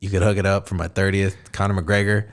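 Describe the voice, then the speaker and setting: A man's voice: low voice, fast. A man in his thirties, a podcast host telling a story in casual chat and acting out the people in it with raised voices. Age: 30s. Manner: animated storyteller, acts out quotes in raised voices.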